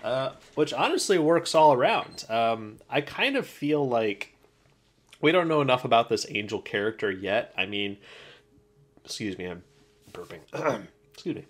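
A man's voice: mid-range voice, big pitch swings, unhurried. A man co-hosting a casual podcast, rambling and laughing often with plenty of fillers and restarts. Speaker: podcast co-host. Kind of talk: casual chat.

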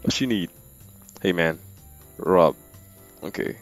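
A man's voice: low-pitched, takes it slowly, faint music behind. A young man giving slangy, reactive commentary while playing a horror game, calling everyone bro. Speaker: gamer. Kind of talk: live gameplay commentary.

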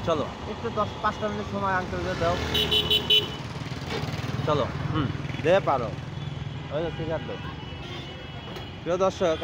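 A man with a Bangladeshi accent hosting a casual street vlog, talking in an informal, repetitive, coaxing way. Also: sits high. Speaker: video host. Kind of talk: casual street vlog talk, addressing viewers and a young boy. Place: outdoors on a busy city roadside. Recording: noisy outdoor street with traffic. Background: traffic, vehicles, city ambience.

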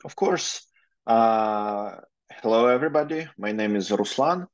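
A guest lawyer in his twenties, a native Russian speaker with a Russian accent, answers interview questions over a video call from a plain indoor room. His voice is lowish with lively intonation and an unhurried pace, but he sounds hesitant, using many fillers and careful non-native phrasing. The audio is dull and lo-fi.

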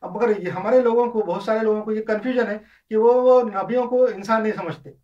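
A man's voice: sits high, fairly even intonation, brisk. A man gives an informal religious lesson, explaining with examples and often hesitating or restarting. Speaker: religious lecturer. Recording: distant, dull lo-fi.

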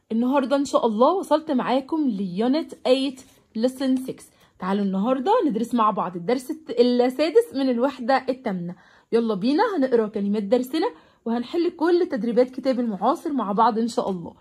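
High, husky-voiced Egyptian woman teaching English. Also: a little mellow. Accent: Egyptian Arabic. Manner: drills words slowly and repeats them, switching between English and Arabic. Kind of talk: online English lesson explained in Egyptian Arabic.

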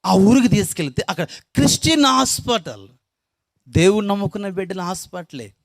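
Brief: a fairly high-voiced pastor telling his testimony with feeling, recorded dry. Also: lively intonation, moderate pace, creaky, no echo. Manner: emotional, voice rising high when moved. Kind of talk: spoken testimony.

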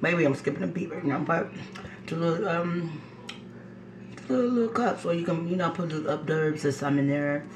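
A middle-aged woman chatting casually with her mouth full, eating between halting phrases in a mukbang at home. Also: low voice, crowd noise. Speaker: mukbang vlogger. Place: home kitchen, indoors. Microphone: phone propped at arm's length. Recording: roomy kitchen echo, noisy with dish clatter.

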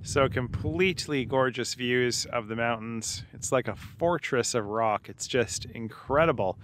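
A man's voice: mid-range voice, a little slow, a bit bright, a little hiss or hum. A man giving casual, conversational walking commentary as a travel vlogger, outdoors among ruins. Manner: chatty and conversational, with filler like "you know" and "like".

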